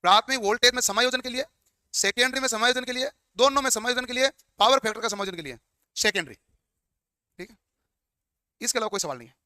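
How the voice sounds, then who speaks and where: A man's voice: very high voice, animated, fast talker, long pauses, pushed and bright, clear, resonant tone, dry recording, studio quality. A man teaching a class, firing questions at his students and answering them himself. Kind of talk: classroom lecture.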